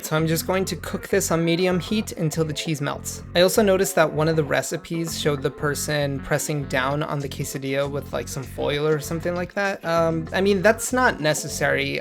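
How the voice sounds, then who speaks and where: Gravelly young man explaining a recipe. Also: fairly high pitch. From Mexico. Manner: relaxed step-by-step explaining, friendly asides. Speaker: cooking channel host. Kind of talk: casual cooking vlog. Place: home kitchen.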